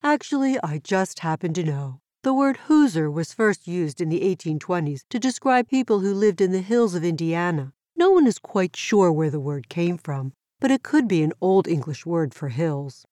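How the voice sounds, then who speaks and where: A woman voicing a smart, patient tortoise who explains things precisely and in a measured way for a children's educational show. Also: fairly low pitch, animated, dark tone, dry recording, clean studio sound, natural voice. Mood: informative. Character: super smart tortoise, patient, knowledgeable and friendly. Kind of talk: scripted educational dialogue for children.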